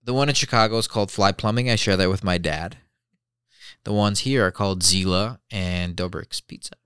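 Late-20s American man, low, crisp voice, blunt casual talker. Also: normal speed, a bit bright, no echo, studio quality. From born in Belarus, moved to the US at three. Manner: blunt, slangy, sweary. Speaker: guest answering searched questions about himself. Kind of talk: casual chat.

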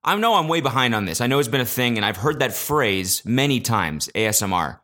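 A man hosting a casual solo podcast, talking into a podcast mic in an animated, profane rant that jumps between loud exclamations and low mutters. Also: brisk. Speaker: podcast host. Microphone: podcast microphone.

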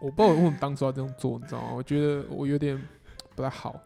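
A man's voice: mid-range voice, fairly even intonation, rapid-fire, gravelly, music in the background. A young man with a Taiwanese accent chatting casually as a podcast co-host, mixing English words into his talk. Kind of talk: casual chat.

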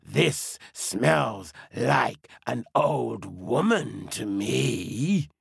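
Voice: medium pitch, sing-song, creaky, breathy edge, no echo, clean studio sound, full character voice. A storyteller growling as a sniffing lion. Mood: suspicious. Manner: slow drawn-out sniffing growl. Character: big sniffing lion suspicious of a pumpkin.

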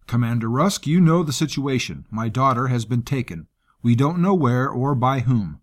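A man's voice: mid-range voice, expressive, normal speed, natural voice. A man voicing a stern male grand general who speaks in a formal, controlled way.

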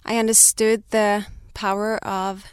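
Recorded dry with clean studio sound, this woman in her thirties speaks at an unhurried pace in a clear, medium-pitched voice that barely moves in pitch. Raised in Sweden with Danish or Swedish as her native tongue, she fields interview questions about the fashion brand she founded. She muses aloud, keeps restarting her sentences, and adds gentle laughs.

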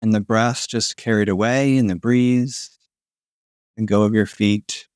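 A man narrating a guided sleep meditation in a slow, soothing manner with long pauses, like a sleep story narrator. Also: lowish voice, steady tone, a little mellow, no room sound, studio quality. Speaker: podcast host guiding a sleep meditation.

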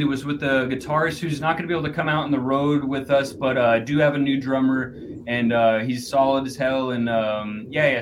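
A man giving a casual interview as a musician, rambling and thinking aloud with halting phrasing. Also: medium pitch. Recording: clear background noise.

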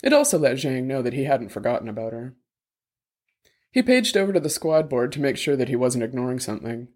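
A man reading a novel chapter aloud as narrator, in steady, wry storytelling. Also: mid-range voice, brisk. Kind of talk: scripted audiobook narration.

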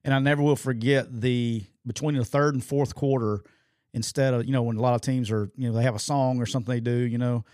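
A man's voice: mid-range voice, steady tone, quick pace, a little mellow, no room sound, studio quality. Folksy man, casual sports talk. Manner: informal, folksy, colloquial. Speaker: sports podcast host.

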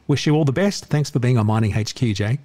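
A man's voice: mid-range voice, fast, dark tone, a little hiss or hum. An Australian man hosting a casual radio interview.

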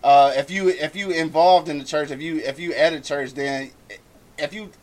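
A man's voice: fairly high pitch, fairly even intonation, moderate pace. A man talking casually in a group discussion, using informal, profane slang.

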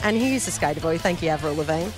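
A woman's voice: deep voice, lively intonation, fast, music in the background. A woman with an Australian accent co-hosting a live outside radio broadcast, bubbly and laughing often. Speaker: radio co-host.

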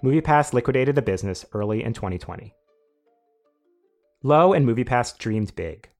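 A man hosting a podcast, reading a measured, scripted narration that explains a business story. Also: medium pitch, expressive, darkish tone, faint music behind. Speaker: podcast host.

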